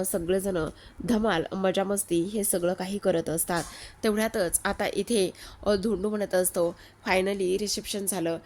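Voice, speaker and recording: A woman retelling the day's episode of a TV serial in a steady, casual storytelling way. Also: mid-range voice, slight background noise. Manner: steady retelling, reads quoted lines in her own voice.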